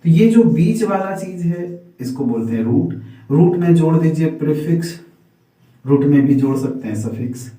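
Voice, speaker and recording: A man's voice: on the high side, lively intonation, moderate pace, dark tone. A man teaching a basic grammar lesson in Hindi, asking his class a question and then answering it himself, checking over and over that they follow. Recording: echoey room, voice from a distance.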